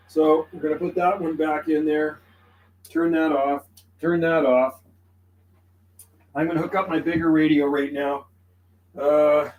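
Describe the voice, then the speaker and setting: On a livestream, a man with a somewhat high, darkish voice chats casually as a CB radio operator, folksy and repetitive, full of radio slang. The recording sounds roomy, with faint background noise.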